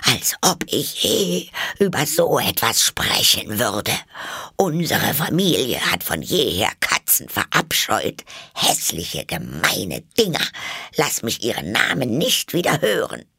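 A man voicing an angry, trembling little mouse in a storybook reading, with a shrill, shrieking voice. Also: wildly swooping pitch, takes it slowly, vocal fry, sharp tone, slightly rough, no echo, full character voice. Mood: furious.

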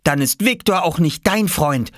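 A man voicing a hot-tempered, jealous young boy who bursts out in shrill, indignant protests, in a storybook reading. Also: moderate pace, fairly bright tone, no echo, clean studio sound.

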